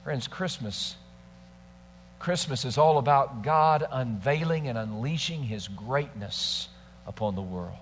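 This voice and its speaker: A man's voice: medium pitch, animated, slow, a little hiss or hum. Emphatic preaching man, long hall reverb. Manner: emphatic preaching, coaxing the congregation to repeat words. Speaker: pastor. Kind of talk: sermon with scripture reading. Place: church sanctuary.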